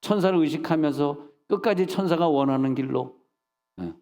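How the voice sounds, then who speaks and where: A middle-aged man preaching in a church service, telling animated stories and scolding with mock insults. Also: fairly high pitch, normal speed. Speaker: senior pastor. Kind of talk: sermon. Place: church sanctuary. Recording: long reverb of a church hall.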